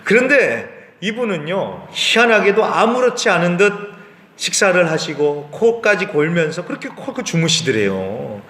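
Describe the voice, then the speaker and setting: A man's voice: high-pitched, very animated, normal speed, fairly bright tone. A male pastor giving a sermon in a conversational way, asking rhetorical questions and often affirming with a short "yes.". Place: church sanctuary. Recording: echoey church hall reverb.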